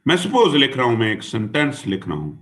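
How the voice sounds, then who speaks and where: A man's voice: mid-range voice, sing-song, fast talker, fairly bright tone. A man giving a classroom lecture as an exam-prep teacher. He calls his students "dear student" and "son", spells words out letter by letter, and mixes English into his talk. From Pakistan.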